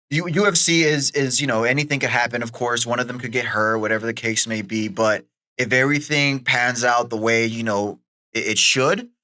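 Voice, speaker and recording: A man hosting a podcast alone, giving casual fight recap commentary in a halting, conversational way that repeats words. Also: medium pitch, sharp tone. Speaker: podcast host.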